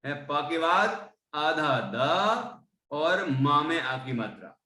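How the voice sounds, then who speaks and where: A man teaching a religious text to students, explaining its meaning and chanting the verses slowly so they can repeat them. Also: fairly high pitch, animated, sharp tone, echoey room. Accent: Hindi speaker from Indore, central India. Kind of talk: devotional text lesson with recitation.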